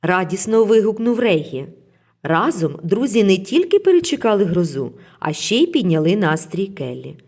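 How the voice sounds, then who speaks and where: Expressive woman reading a children's story. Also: mid-range voice, moderate pace.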